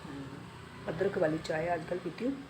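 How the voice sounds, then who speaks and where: A woman in her forties vlogging casually from home in a chatty, relaxed way, talking straight to viewers, her throat a bit sore from a cold. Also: low-pitched, unhurried, heavy background noise. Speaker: beauty salon owner and vlogger. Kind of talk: casual home vlog chat. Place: home, indoors.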